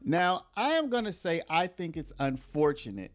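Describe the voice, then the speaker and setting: Lively, chatty online commentator. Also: medium pitch, moderate pace, soft background music. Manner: chatty, says "y'all" often. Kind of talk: casual commentary addressed to viewers.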